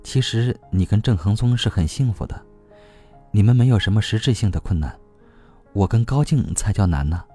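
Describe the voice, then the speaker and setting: Man voicing a soft, coaxing young woman. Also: lowish voice, animated, normal speed, husky, soft background music. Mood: downcast. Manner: gentle, coaxing and soft-spoken. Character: cheerful but troubled young woman.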